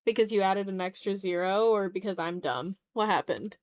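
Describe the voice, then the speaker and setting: Mid-range and a little mellow, her voice moves at a moderate pace as she draws live for an audience. This streamer and digital artist chats casually and playfully with slang, half to herself and half to her viewers.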